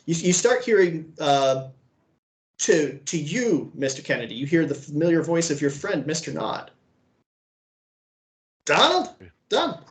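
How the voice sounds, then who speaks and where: A man runs a tabletop horror game, narrating scenes with frequent stammers and restarts. His voice sits a little high, and the room around him rings with echo. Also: animated, moderate pace, a little mellow. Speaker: game master.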